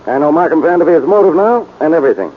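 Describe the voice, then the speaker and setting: Casting: gruff, boastful police inspector, 1940s radio crime serial, fairly high male voice, muffled recording. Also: big pitch swings, fast talker, slight background noise. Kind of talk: 1940s radio detective drama acting.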